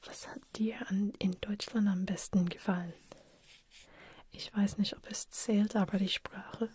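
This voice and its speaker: A woman hosting an ASMR live stream, whispering softly as she reads out chat questions and answers them in a chatty way with lots of fillers. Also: medium pitch, fairly even intonation, unhurried. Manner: chatty with frequent fillers and restarts. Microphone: ASMR microphone with wind guards.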